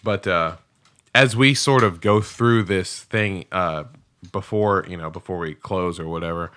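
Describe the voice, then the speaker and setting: A man's voice: deep voice, unhurried, fairly bright tone. A man in his thirties co-hosting a podcast, talking candidly and rambling, swearing and laughing often. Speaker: podcast co-host. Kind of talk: casual chat.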